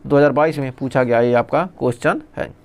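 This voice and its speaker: A man's voice: mid-range voice, steady tone, a little fast. A male teacher giving an exam revision lesson, reading out lists and asking and answering his own questions.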